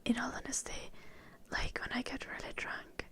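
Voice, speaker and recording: Whispering woman in ASMR live chat. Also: moderate pace. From Finland. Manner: chatty, answering viewer chat in whispers. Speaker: ASMR streamer.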